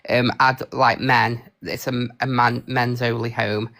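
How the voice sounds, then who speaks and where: A woman's voice: extremely low pitch, little pitch movement, a little slow, gravelly, fairly bright tone. A woman chatting casually on a live stream, saying w in place of v, with an insistent, repetitive way of making her point. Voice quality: trouble pronouncing V, saying w for v.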